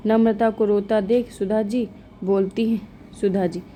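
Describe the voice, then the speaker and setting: Woman storyteller, calm scripted narration, slow and mellow. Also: mid-range voice, slight background noise.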